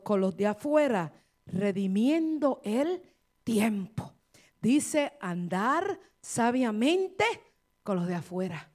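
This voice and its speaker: A middle-aged woman preaching and giving testimony to a congregation, shifting from quiet storytelling to loud fervent exhortation. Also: medium pitch. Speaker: church speaker giving testimony.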